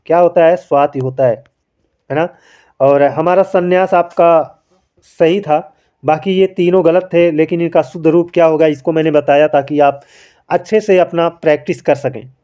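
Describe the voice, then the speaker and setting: Patient Hindi grammar teacher, dull lo-fi sound. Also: male voice, a little high, fairly even intonation, normal speed, dark tone. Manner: explains patiently, keeps calling listeners friends; asks questions and answers them himself. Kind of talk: spelling quiz lesson.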